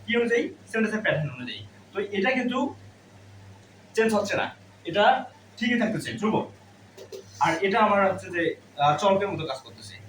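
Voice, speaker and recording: A high-voiced man with a fairly bright tone talks animatedly at a quick pace, broken by long pauses. He's teaching grammar in a classroom, working step by step through questions he answers himself, recorded roomily on a distant mic with faint background noise.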